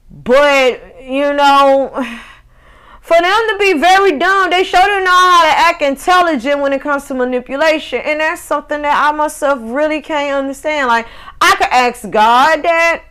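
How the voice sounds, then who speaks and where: Slow-talking profane woman ranting. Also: high-pitched, fairly bright tone. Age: 30s. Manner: profane, laughing, rambling with restarts. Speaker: podcast host. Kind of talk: casual solo rant.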